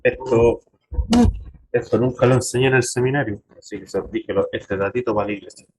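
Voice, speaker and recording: Pastor teaching his church, a man of middle pitch, emphatic and direct, faint hiss and clicks behind him. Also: fairly even intonation, fairly quick, a little mellow, rough recording. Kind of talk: church Bible lesson.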